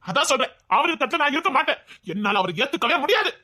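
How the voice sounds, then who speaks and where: A woman's voice: high voice, big pitch swings, fast talker, sharp tone, full character voice. A woman voicing a hurt, angry grown son who pleads with his mother in a dubbed serial drama. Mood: bitter. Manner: pleading, accusing.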